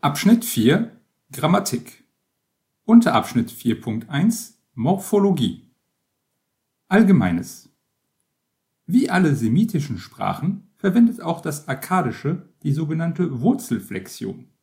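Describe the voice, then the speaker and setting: A man reading an encyclopedia-style text aloud as scripted narration, in a measured, list-like way. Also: a little high, sing-song, darkish tone. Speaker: reader.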